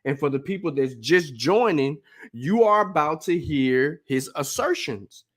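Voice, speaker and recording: Host guy talking to viewers, setting up a clip, kinda high voice. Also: expressive, unhurried. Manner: explanatory, addresses viewers directly. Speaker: channel host. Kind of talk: commentary on a played clip.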